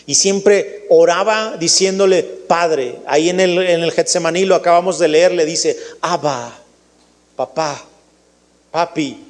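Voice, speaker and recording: A man's voice: high-pitched, long reverb tail. A man with a Mexican Spanish accent preaching a sermon, speaking directly to his congregation as family and often restarting his sentences. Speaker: pastor.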